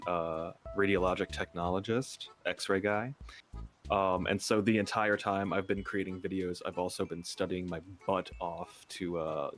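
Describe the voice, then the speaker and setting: A young man, an ASMR creator appearing as a stream guest, talks in a deep, fairly bright voice over background music. He shares personal stories in a casual chat, sounding candid, hesitant and self-deprecating.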